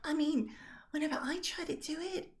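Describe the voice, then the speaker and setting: A woman voicing a chatty, insecure young actress in a tabletop role-play. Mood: bubbly. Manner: bubbly, pleading, high and quick.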